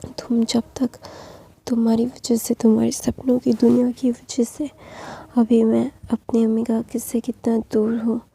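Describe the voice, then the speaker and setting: A woman's voice: a little high, completely flat delivery, measured pace, vocal fry, mellow, slightly rough, full character voice. A woman voicing a possessive, devoted young husband in whispered role-play, pleading and threatening in turn. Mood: menacing. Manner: pleading then menacing.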